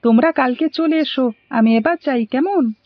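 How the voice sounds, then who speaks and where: In a cartoon, a woman voices a cheerful, helpful little schoolboy who speaks with a Bangladeshi accent. Her voice is high and her pace moderate, and the animated dialogue comes through as a dry, dull lo-fi recording.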